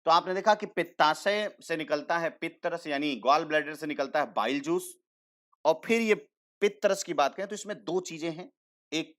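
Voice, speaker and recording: A man delivers a science lesson in a slightly raised voice. He poses questions, answers them himself and repeats each key term as he goes. He keeps addressing the students affectionately as "beta". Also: fairly high pitch. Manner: explains slowly, repeats terms, asks questions then answers them. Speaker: teacher.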